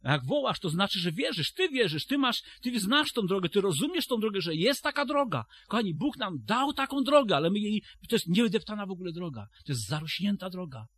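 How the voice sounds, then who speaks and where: A man's voice: high-pitched, big pitch swings, a little fast, few pauses, a bit bright, no echo. A man preaching a sermon to a congregation, retelling a story and then addressing his listeners directly, often restarting his phrases.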